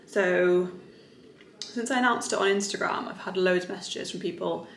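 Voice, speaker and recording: Female, 30s, casual vlogger. Low-ish, gravelly voice, chatty and rambling. Echoey home room with faint music. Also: normal speed, a little hiss or hum. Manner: chatty, rambling, heavy use of "like". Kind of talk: casual chat to camera. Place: bedroom at home. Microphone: camera on a stand.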